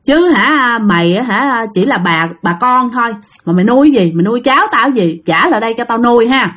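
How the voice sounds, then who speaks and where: A woman's voice: on the high side, lively intonation, brisk, fairly bright tone. Woman doing a bossy older aunt. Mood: demanding. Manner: domineering, blunt. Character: bossy older aunt claiming her grandchild.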